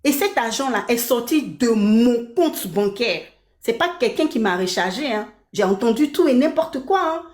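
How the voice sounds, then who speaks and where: A woman's voice: fairly high pitch, animated, normal speed. Indignant woman ranting in an echoey room. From Belgium. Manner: indignant, repeats her points, asks "d'accord?". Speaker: live streamer. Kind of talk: heated live-stream rant. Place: her apartment.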